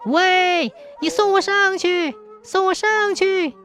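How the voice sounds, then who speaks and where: A woman voicing a boastful, greedy male swindler in a high, excitable voice. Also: slow pace, faint music behind, full character voice. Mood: frantic.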